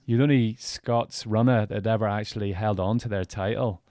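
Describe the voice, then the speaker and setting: A man's voice: on the low side, fairly even intonation, fairly quick, mellow, no room sound, studio quality. A man interviewing a guest in a conversational style on a podcast.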